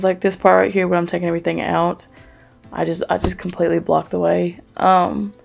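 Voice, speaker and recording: Narrating her cleaning vlog, a young woman chats casually and rambles, using lots of filler words. Her voice is on the low side, creaky and darkish in tone.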